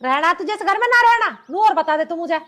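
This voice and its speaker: An actress playing a sharp-tongued, bossy village mother-in-law who scolds in rural speech. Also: very high-pitched, expressive, a little fast. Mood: scolding. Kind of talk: rural comedy drama acting.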